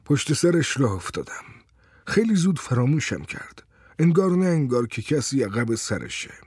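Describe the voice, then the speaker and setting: A man narrating a first-person story in a calm, wry way. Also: mid-range voice, slightly rough, no room sound, studio quality.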